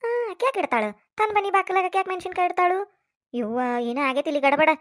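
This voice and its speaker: A woman voicing an excitable gossiping village woman with a North Karnataka Kannada accent, in a cartoon. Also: very high voice, fast, dry recording, clean studio sound.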